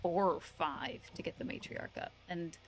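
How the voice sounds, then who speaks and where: A woman's voice: fairly low pitch, normal speed, slight background noise. A tired woman game streamer chatting casually and rambling with fillers as she wraps up her live stream. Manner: relaxed, rambling, many fillers.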